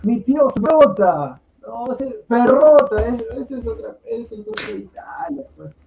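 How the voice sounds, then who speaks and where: High-voiced playful man in an echoey room. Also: very animated, unhurried, creaky. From Peru. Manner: playful, chants names and sings snatches, shifts loudness a lot. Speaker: podcast co-host. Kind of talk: casual sports banter. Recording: echoey room with faint ambient noise.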